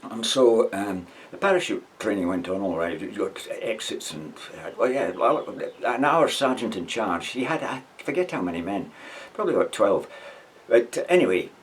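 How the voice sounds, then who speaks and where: A man's voice: lowish voice, lively intonation, moderate pace, hardly any pauses, a little hiss or hum. Older man, wry rambling memories. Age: 80s. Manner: wry, chuckling, rambling anecdotes. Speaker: veteran recounting memories. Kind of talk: casual spoken reminiscence.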